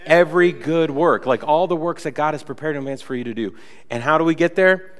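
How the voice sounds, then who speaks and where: A young pastor with a fairly high voice preaches a little fast in a church sanctuary, his words trailing into long reverb. The sermon is casual and conversational, full of chatty fillers, and he sounds a bit nasal from a cold.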